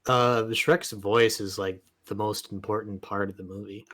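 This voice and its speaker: A man's voice: lowish voice, steady tone, measured pace, a bit bright. A man riffing and rambling casually about a fantasy world on a live stream, swearing freely. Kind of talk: casual chat.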